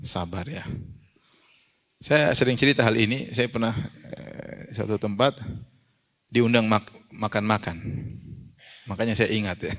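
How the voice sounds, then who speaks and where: A man's voice: fairly low pitch, unhurried, pauses often, a bit bright. A man preaching an Islamic sermon, reciting hadith in Arabic and asking his listeners questions he then answers himself, sometimes acting out the people he quotes. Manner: asks the audience questions and answers them himself; acts out quoted people in a raised voice. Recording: long hall reverb.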